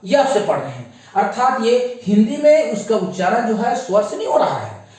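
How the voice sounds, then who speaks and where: Echoey, lively-voiced male grammar teacher. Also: high voice, normal speed. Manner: repeats rules and asks rhetorical questions. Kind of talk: classroom grammar lesson. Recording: echoey room, voice far from the mic.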